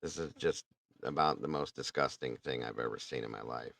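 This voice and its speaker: A man's voice: extremely low pitch, fairly quick, gravelly, fairly bright tone, no echo. A man hosting a casual true crime talk, blunt and indignant, swearing now and then. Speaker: true crime podcast host. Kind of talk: casual chat.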